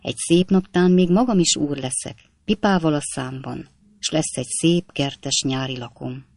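A narrator voicing a cheerful, witty young manservant in an audiobook, chatting in a folksy, gravelly tone. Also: medium pitch, darkish tone, no room sound, lightly acted. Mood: lively, folksy.

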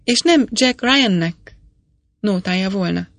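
A woman's voice: mid-range voice, lively intonation, fairly bright tone, no echo. A woman voicing an earnest young male miner, speaking in an eager way.

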